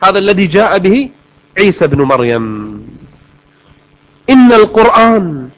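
Male preacher with a very high voice, earnest, draws recited verses out slowly. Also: big pitch swings, fairly bright tone, poor audio. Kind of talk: sermon.

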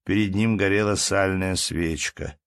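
A man reads a classic story aloud in a measured, even manner. His voice sits fairly low. The recording is dry and close. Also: smooth, no room sound. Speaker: audiobook narrator. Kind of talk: scripted literary narration.

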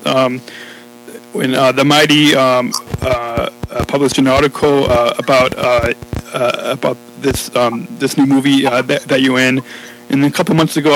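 A man's voice: mid-range voice, fairly bright tone, low-quality recording. A man hosting a podcast interview, speaking hesitantly with many fillers and restarts. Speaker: podcast host.

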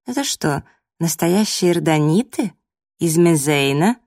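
A woman's voice: lowish voice, lively intonation, a little slow, darkish tone, no echo, studio quality. A woman voicing a haughty, mocking young woman, the jealous ex-fiancée in an audiobook, who talks down with sneering sarcasm. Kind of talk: audiobook character voice.

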